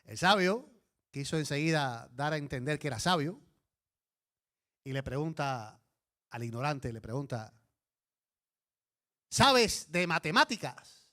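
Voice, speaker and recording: A male pastor preaching a sermon, telling stories with emphatic, animated delivery. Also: medium pitch, moderate pace, pauses often.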